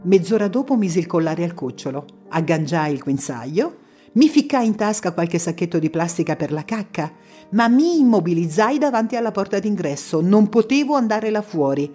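A woman giving measured, dramatic first-person audiobook narration. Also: fairly low pitch, big pitch swings, warm tone, faint music behind. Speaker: audiobook reader.

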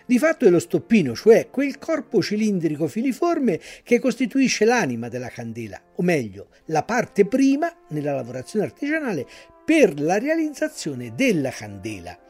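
An expressive storyteller reading a children's classic aloud, sometimes pausing for a short explanatory aside. The delivery rises and falls a lot to keep the tale lively. Soft music sits faintly behind the voice. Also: medium pitch, breathy edge. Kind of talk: storybook read-aloud with commentary.

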